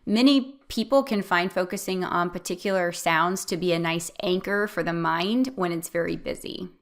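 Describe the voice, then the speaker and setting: A woman leading a guided meditation as an instructor, speaking in a gentle, soothing, instructional way. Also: on the low side, moderate pace.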